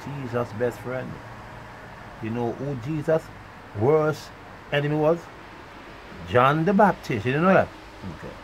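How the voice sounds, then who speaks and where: A man ranting in a profane monologue, rambling and swinging between loud outbursts and muttered asides. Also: medium pitch, measured pace, pauses often, a little hiss or hum, rough recording. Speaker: vlogger.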